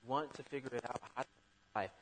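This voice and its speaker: A man preaching a sermon in a conversational way, breaking into loud, emphatic bursts. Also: medium pitch, fairly even intonation, fast, a little hiss or hum. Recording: long hall reverb.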